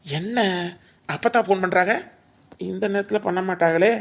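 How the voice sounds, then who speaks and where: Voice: mid-range voice, normal speed, close to an everyday voice. A performer voicing a worried young village husband in a cartoon, with a Tirunelveli Tamil accent and a flustered, questioning manner. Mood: busy. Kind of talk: cartoon voice acting.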